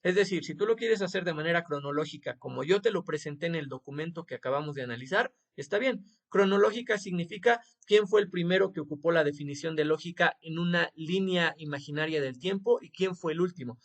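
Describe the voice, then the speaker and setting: A man's voice: on the high side, fairly quick, few pauses. A man giving a screen-recorded tutorial lesson, talking to the student informally and checking in with frequent tag questions. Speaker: teacher.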